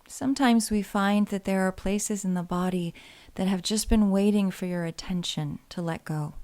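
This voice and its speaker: Here a woman with a mid-range voice talks listeners through a body scan meditation, slow and soothing, letting gaps fall between phrases.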